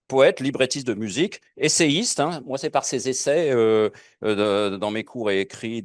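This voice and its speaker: A man with a fairly low voice gives a lecture to an audience. He wanders into asides and fills his pauses with hesitations. The sound is dry, with no room echo. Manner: digressive, many fillers and asides. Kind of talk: public lecture.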